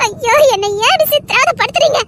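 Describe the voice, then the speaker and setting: Brief: woman doing a tearful wife caught between husband and father, squeaky high voice. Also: animated, quick pace, noisy background. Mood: pleading. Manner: pleading, tearful and high-pitched. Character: torn, tearful young wife. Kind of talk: Tamil audio drama acting.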